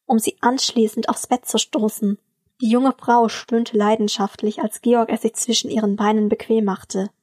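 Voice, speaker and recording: Erzählerin mit heller, trockener Stimme. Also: female voice, a little high, a little mellow, dry recording. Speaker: storyteller. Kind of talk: scripted erotic story narration.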